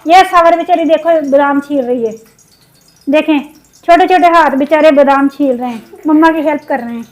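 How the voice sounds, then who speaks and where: A woman from Pakistan chatting in a cooking vlog, upset and venting, her throat sore from shouting. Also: sits high, moderate pace, poor audio. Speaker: cooking vlogger. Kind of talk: casual cooking vlog chat.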